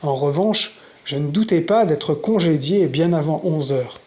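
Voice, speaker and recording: A reader narrating a novel in an audiobook with steady, measured storytelling. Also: mid-range voice. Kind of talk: scripted narration.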